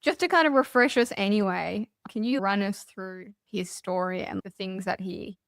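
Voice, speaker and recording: A woman's voice: medium pitch, moderate pace, no echo. Woman podcast host, dry close sound. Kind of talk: podcast interview.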